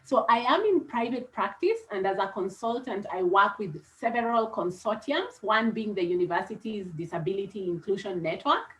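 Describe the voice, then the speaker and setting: A woman's voice: medium pitch, animated, normal speed, hardly any pauses, low-quality recording. Earnest Kenyan woman speaking on a panel. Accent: Kenyan English. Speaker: psychologist and consultant. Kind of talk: panel talk.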